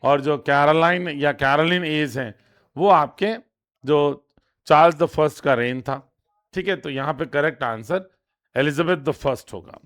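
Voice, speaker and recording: A man teaching an exam-prep lesson, reading each question out slowly and then explaining it step by step with frequent repetition. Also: a little high, fairly bright tone. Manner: reads English questions slowly, then translates. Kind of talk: exam lesson in Hindi with English terms.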